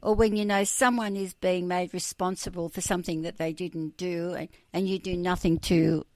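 A woman's voice: fairly low pitch, little pitch movement, moderate pace, darkish tone, dry recording. Laughing middle-aged woman explaining things. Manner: laughs often, explains in a teacherly way. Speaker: podcast co-host. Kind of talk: casual chat. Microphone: phone or remote call.

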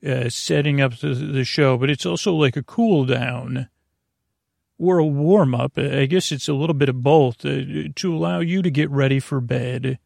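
This podcast host has a creaky, mid-range, darkish voice, and he wanders haltingly through a calming bedtime monologue, drifting into tangents and correcting himself as he tries to ease listeners toward sleep. The sound is dry, studio-grade.

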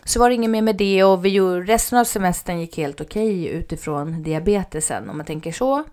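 A woman telling a personal anecdote in casual speech, animated, acting out what people said and sometimes dropping to a near-whisper. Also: fairly low pitch. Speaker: mother telling a personal story.

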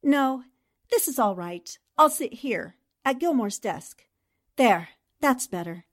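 Cast as a shrewd, collected columnist and amateur detective in a radio whodunit, she delivers her words deliberately, like a storyteller. Her pitch is a little high and expressive, and she comes across faint and evasive.

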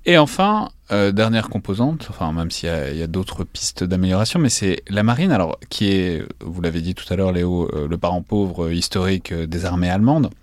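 A man's voice: low voice, animated, fairly quick, hardly any pauses, dry recording, clean studio sound. A man hosting an interview podcast, who casually sums up points and hands over questions to guests. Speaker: podcast host. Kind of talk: conversational interviewing.

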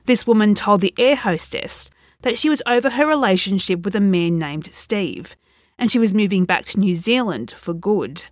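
A woman hosting a podcast, reading a scripted true crime narration in a measured, serious, suspenseful storytelling manner. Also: mid-range voice, lively intonation, no echo, studio quality.

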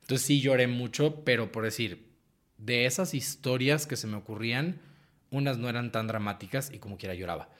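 Hombre joven con acento mexicano, muy animado. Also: male voice, mid-range voice, a little fast. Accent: Mexican Spanish. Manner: animated, laughs often, acts out quotes. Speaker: guest, writer and actor. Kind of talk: casual interview storytelling.

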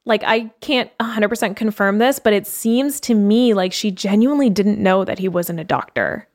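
A woman's voice: mid-range voice, moderate pace. A woman co-hosting a podcast, telling a case story in a chatty, casual way with lots of fillers. She is from Canada. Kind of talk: casual chat.

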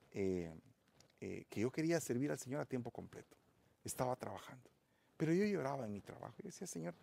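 A pastor delivers a sermon in a gravelly, mellow voice. His pitch swings widely as he builds emphasis and speaks straight to his listeners as brother. He is a man who preaches with steady conviction.

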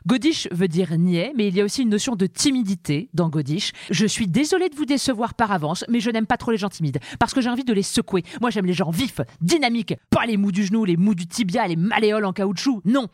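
A woman's voice: medium pitch, brisk, few pauses, no echo. Playful French woman, dry close sound. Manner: lively, playful, self-mocking. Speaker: host. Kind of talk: comic word-origin monologue.

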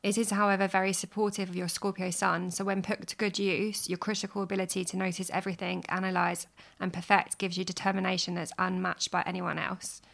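A woman hosting a podcast, reading an astrology chart in a measured, explanatory way. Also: fairly low pitch, level tone, creaky, a bit bright.

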